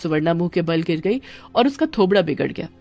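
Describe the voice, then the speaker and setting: A woman's voice: on the low side, expressive, fairly quick, over music. A woman narrating a dramatic family story and voicing its characters.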